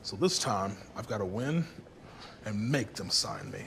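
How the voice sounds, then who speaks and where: An actor playing a confident, smooth-talking male wrestler hopeful in a film, with a boastful, laid-back delivery. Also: lowish voice, animated, measured pace, fairly bright tone, slight background noise, exaggerated voice. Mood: determined.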